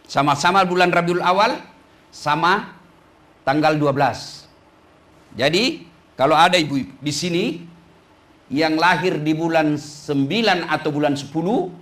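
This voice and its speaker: A middle-aged man preaching a humorous sermon to women, teasing his listeners and slipping into slow sung quotes. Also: fairly high pitch, fairly bright tone. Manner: joking, teasing the audience.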